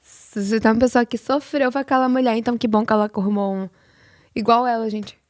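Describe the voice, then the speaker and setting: Chatty Brazilian woman, slightly high voice. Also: steady tone, fast talker, a little mellow, no echo, studio quality. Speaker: podcast co-host. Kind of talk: casual chat.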